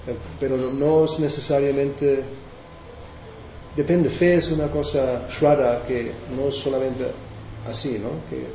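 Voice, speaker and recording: In a roomy hall, a male spiritual teacher explains scripture verses during a devotional class with questions, hesitating and restarting often. He speaks a little slowly in a mid-range voice with fairly even intonation. There's a little hiss or hum over a roomy, dull recording.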